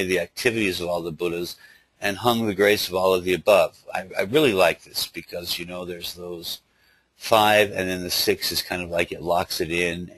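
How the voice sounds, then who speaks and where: A man with a lisp giving an informal spoken teaching in a halting, loosely worded way, as a Buddhist teacher. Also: low-pitched, a bit bright, breathy edge, no echo, poor audio. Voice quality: lisp from dental problems.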